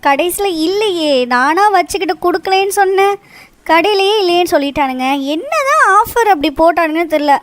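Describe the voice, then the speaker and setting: A woman's voice: very high-pitched, dry recording. A woman voicing a patient young man who soothes and coaxes his crying friend in a fan game dub. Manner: soothing, coaxing. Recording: dry close recording.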